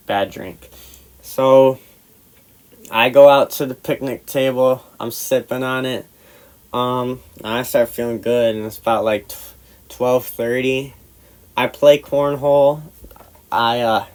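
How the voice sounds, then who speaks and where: A man tells a personal story in a loose, rambling way, tripping over restarts and fillers. His voice sits at an ordinary middle pitch and grows animated and louder in the heated parts. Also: low-quality recording. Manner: animated, swings louder when retelling the argument. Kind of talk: casual personal anecdote.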